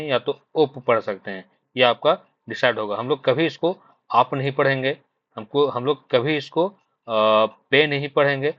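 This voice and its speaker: A man from Jharkhand teaches shorthand in an exam-prep class, speaking at an everyday pitch. He explains patiently, circling back over each point and checking in with the students. The voice is close and dry, with a slightly dull, muffled tone. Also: no echo. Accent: Hindi speaker from Jharkhand. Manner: patient, repetitive explaining with frequent fillers and "thik hai" checks. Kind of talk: online exam-prep lesson.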